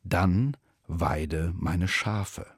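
A man voicing a calm, patient male teacher who speaks slowly and gently. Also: deep voice, husky, no room sound, clean studio sound, exaggerated voice. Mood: gentle.

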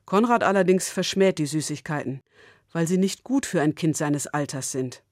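A woman giving a scripted, reflective devotional talk. She tells a story in a calm, measured way and turns quiet and personal when she reflects. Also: deep voice, dry recording, studio quality. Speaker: speaker of a short devotional.

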